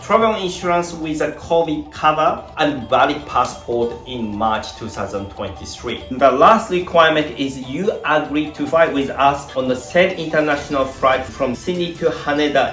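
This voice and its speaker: A man from Japan with a Japanese accent, a tour guide giving an upbeat promotional pitch full of rhetorical questions and long lists. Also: a bit bright. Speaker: tour guide and founder of a craft tour. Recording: roomy voice with faint background music.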